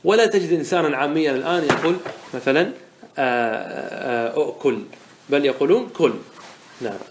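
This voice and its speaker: Male sheikh teaching grammar, patient and repetitive, keeps asking if it's clear, slightly high voice. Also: lively intonation, fairly quick, slight background noise. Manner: patient explainer who asks rhetorical check questions; repeats and restarts words while thinking aloud. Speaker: teacher of Arabic morphology. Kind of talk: classroom lecture explaining a didactic poem.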